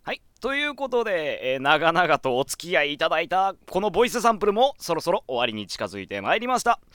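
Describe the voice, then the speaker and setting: A man's voice: a little high, big pitch swings, fast talker, fairly bright tone, smooth, dry recording, studio quality. A man presenting his voice sample in casual, apologetic, self-deprecating chat.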